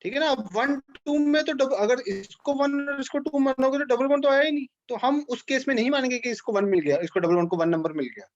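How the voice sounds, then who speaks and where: A man's voice: extremely high pitch, fairly quick, few pauses, highs cut off. A man teaching an organic chemistry class, explaining step by step and checking in with questions to his students. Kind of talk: classroom lecture.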